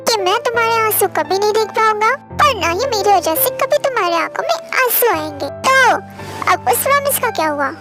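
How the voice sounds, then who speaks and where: A woman's voice: very high voice, lively intonation, brisk. A woman voicing a cruel, arrogant young male vampire king who taunts and insults, in a storybook dub with music behind. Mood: scornful. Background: background music.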